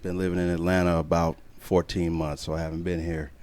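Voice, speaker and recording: A man in his forties from the American Midwest, a guest on a dating talk show, speaking in a relaxed way with many fillers. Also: deep voice, brisk. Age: 40s.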